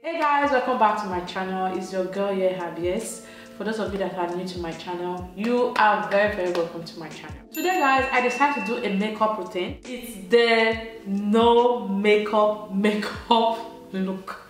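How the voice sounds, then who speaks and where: A woman's voice: medium pitch, normal speed. A young Nigerian woman with an Edo accent, chatting her way through a makeup tutorial in Pidgin English, laughing often. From Nigeria, Benin City, Edo State. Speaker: beauty vlogger. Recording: very echoey room, soft music behind.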